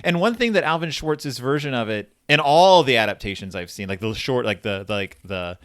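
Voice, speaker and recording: Clean studio sound with no echo captures a male podcast host discussing books in a loose, rambling way, cutting himself off as he explains things eagerly. He speaks at medium pitch, animated, fairly quick and a bit bright.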